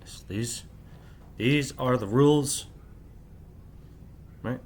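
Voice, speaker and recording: Very slowly and at medium pitch, a middle-aged channel host rambles to the camera alone at night. He punctuates almost every thought with "right?" and speaks softly to avoid waking his family.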